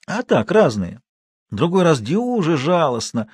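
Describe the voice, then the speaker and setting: A man voicing a gloomy, superstitious old village night watchman who talks slowly in rustic speech. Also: on the high side, sing-song, a little mellow, husky, no room sound, studio quality, pitched above the performer's own voice, heavily acted. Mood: gruff, mysterious. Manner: slow, dialect-heavy, mysterious.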